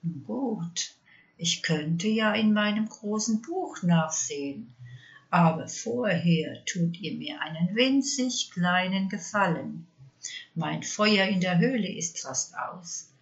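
A woman voicing a cruel, mocking male devil in a fairy tale, taunting loudly and then dropping to a menacing hush. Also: fairly low pitch, measured pace, dull audio. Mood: sly. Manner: loud taunting, drops to a soft menacing hush.

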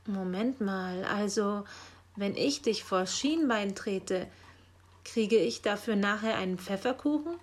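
A woman's voice: medium pitch, takes it slowly. A woman voicing a naive, clumsy young lad. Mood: puzzled.

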